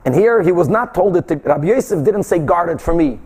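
A man's voice: high-pitched, lively intonation, brisk, a little mellow, breathy edge. A man giving an explanatory religious lecture, translating line by line and emphatically answering his own rhetorical questions. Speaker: religious teacher giving a Talmud class.

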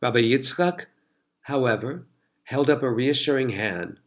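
A man narrating a story in a measured, scripted storytelling delivery. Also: mid-range voice, lively intonation.

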